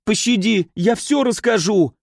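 A man putting on a desperate, cowardly traitor nobleman from an audiobook, his voice pushed up high and shrill as he protests and pleads. The recording is dry and close. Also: expressive, unhurried, a little mellow, dry recording. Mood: pleading.

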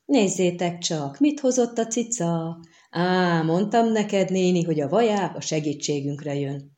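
A woman's voice: fairly low pitch, animated, warm tone, natural voice. A woman voicing a brash, teasing male bard. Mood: cheeky. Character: cheeky male bard, cocky.

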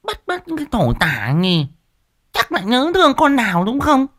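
Man doing a shrill scolding village wife. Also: very animated, measured pace, full character voice. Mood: scolding, doubtful. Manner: nagging, mocking. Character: sharp-tongued village wife, scolding and doubtful.

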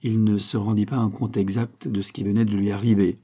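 A man narrating a novel as an audiobook, in a measured storytelling manner. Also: lowish voice, level tone, dark tone.

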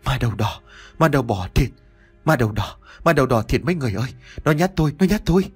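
A hysterical young man screams in a very high, rushed voice that sometimes sounds far from the mic, as a male narrator puts him on. His words tumble out breathless and fast. Faint music plays underneath. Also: sing-song, slightly rough.

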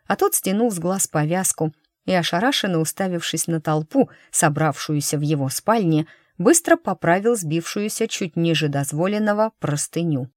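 A woman narrating an audiobook in an even, measured way. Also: lowish voice, no echo, clean studio sound.

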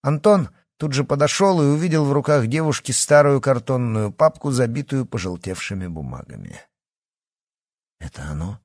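A man giving expressive, dramatic scripted audiobook narration. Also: mid-range voice, brisk, hardly any pauses, no echo, studio quality.

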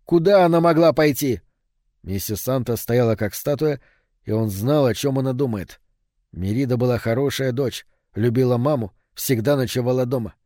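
A man narrating an audiobook in a steady, even reading voice. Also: medium pitch, moderate pace, no room sound, clean studio sound. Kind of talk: scripted narration.

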